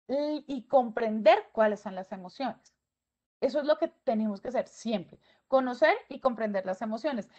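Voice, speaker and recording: Lady teaching a webinar, animated, keeps checking in w listeners, kinda muffled audio. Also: on the high side. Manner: animated, asks checking questions, acts out student voices. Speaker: lecturer. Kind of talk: educational webinar lecture.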